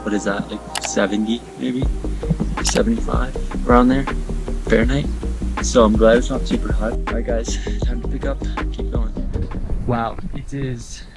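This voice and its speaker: Casual young male hiking vlogger, breathy from the climb, easygoing, loud music underneath. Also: medium pitch, steady tone, moderate pace, low-quality recording. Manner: easygoing, talks while walking uphill. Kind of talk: casual hiking vlog to camera. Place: outdoors on a mountain trail.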